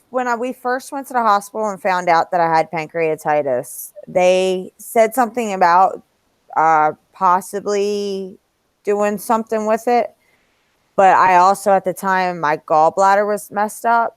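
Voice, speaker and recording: A woman's voice: on the low side, clear, resonant tone, dry recording. A young woman chatting casually on a late-night video call, rambling, searching for words and swearing offhand. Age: young adult. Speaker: livestream co-host. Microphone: computer mic.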